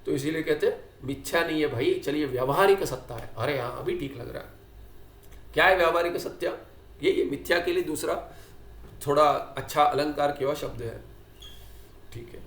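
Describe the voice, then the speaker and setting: A man teaching a scripture class, explaining with questions and little acted dialogues, and reciting Sanskrit lines slowly. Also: on the high side, fairly bright tone, echoey room. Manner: quotes Sanskrit text slowly. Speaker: Vedanta teacher.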